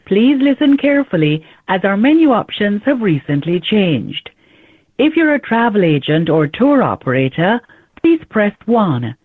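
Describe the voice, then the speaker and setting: A recorded phone menu message reading out a resort greeting and menu options in a measured announcer delivery. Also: mid-range voice, big pitch swings, dry recording. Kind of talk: automated greeting and menu prompts. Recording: tinny phone line.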